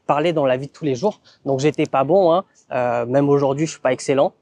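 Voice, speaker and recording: A man's voice: mid-range voice, a little fast, mellow, dry recording. Chatty man telling his story. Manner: conversational, frequent fillers and tag words. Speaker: vlogger. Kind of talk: casual vlog narration.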